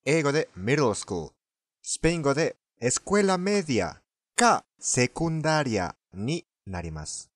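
A man's voice: medium pitch, big pitch swings, a little slow, no echo. A native Spanish-speaking man with a foreign accent, giving language lesson commentary.

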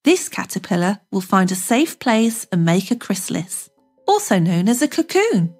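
A woman's voice: mid-range voice, sing-song, normal speed, darkish tone, soft background music. A woman speaking as a kids show host, narrating an educational script for young children with simple, encouraging phrases and questions to the viewer.

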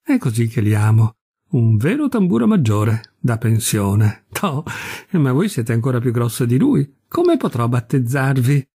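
A man's voice: medium pitch, very animated, unhurried, warm tone, breathy edge, dry recording, clean studio sound, exaggerated voice. A man reading aloud voices a bold, teasing young woman who speaks frankly and mockingly.

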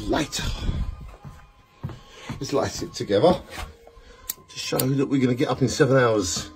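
A man in his forties filming a casual home vlog on a phone at arm's length, rambling upbeat and dropping into soft murmurs. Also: mid-range voice, measured pace, soft background music. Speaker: vlogger. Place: small home, indoors. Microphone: phone held at arm's length.

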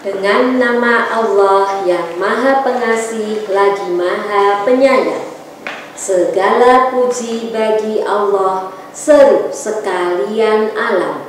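A middle-aged woman with an Indonesian accent, a teacher leading children's prayers, reciting deliberately phrase by phrase. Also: mid-range voice. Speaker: kindergarten teacher. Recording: very echoey room, distant mic, faint noise.

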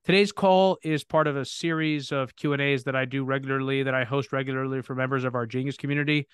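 A man hosts a live podcast Q&A conversation, speaking energetically and often restarting his sentences to correct himself. His mid-range voice is smooth and quick, captured in a dry, studio-quality recording.

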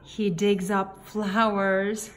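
In a flat, mid-range voice, a woman reads a picture book to young children, taking her time and phrasing things simply with pauses in between. The book is filmed on a table in an indoor room, and slight background noise is audible.

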